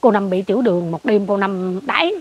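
An older woman with a Southern Vietnamese accent, telling a ghost story in an animated way and acting out what she saw. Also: medium pitch, a little fast, breathy edge. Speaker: interviewee. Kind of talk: ghost story told in conversation.

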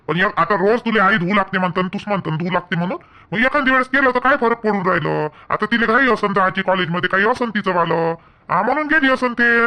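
High-voiced rural Marathi husband. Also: male voice, sharp tone. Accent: Marathi dialect of rural Maharashtra. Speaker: husband in a family skit. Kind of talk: village family drama skit.

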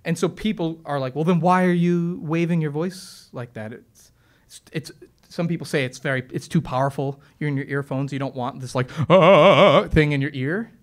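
Pitched fairly high and speaking at normal speed, this male opera singer gives a relaxed, enthusiastic talk to an audience about his craft. Fillers and restarts pepper his explanation, set on a stage or in a studio with a piano.

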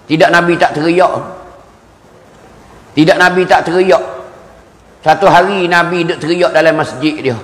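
A man with a Kelantan-Pattani Malay accent giving a religious lecture, repeating words for emphasis and chanting Arabic verses slowly. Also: a little high, fairly even intonation. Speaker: religious teacher. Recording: echoey hall with long reverb.

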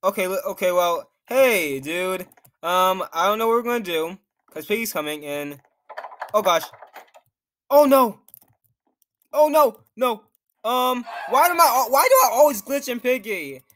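Talking to himself as he plays, a jittery young YouTuber nervously reacts to what's happening on screen. The voice is high-pitched and fairly bright, expressive, at a normal speed.

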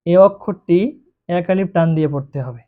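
Heard through a tinny, phone-like recording, a teacher speaks in a mid-range voice at a fairly quick pace while leading a beginner Quran reading lesson. Each letter sound is drawn out patiently for demonstration.

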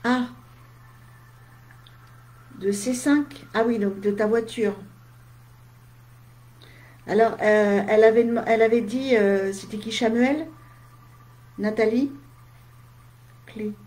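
A woman medium on a casual live stream, chatting straight to her viewers in short asides, tired and with a slight head cold that leaves her voice a little dry and husky. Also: a little high, fairly even intonation, takes it slowly, pauses often, a little mellow.

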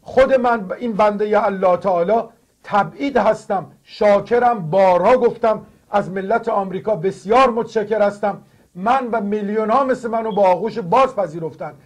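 An older man from Iran, talking in an earnest, digressive sermon style to viewers. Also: high voice. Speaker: religious TV speaker. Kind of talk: preaching monologue to viewers.

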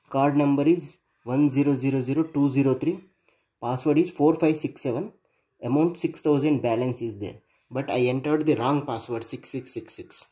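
At an indoor workbench, a man walks through a hands-on electronics project demo, thinking aloud haltingly and spelling out digits and letters along the way. His voice sits on the high side and sounds mellow.

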